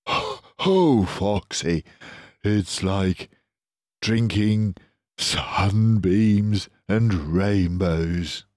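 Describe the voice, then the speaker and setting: Storybook badger played by a man: grown, hearty fellow who relishes drink, very unhurried, stretching out each phrase with relish. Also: on the low side, lively intonation, a little mellow, no room sound, clean studio sound. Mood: savouring wonder. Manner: savouring, drawn-out words. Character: hearty, cider-loving adult male badger.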